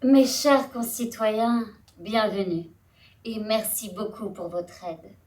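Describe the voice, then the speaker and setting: A woman playing a grand, gracious lady who speaks in a slow, formal, ceremonious way. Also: mid-range voice, darkish tone, natural voice. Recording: roomy hall, distant mic.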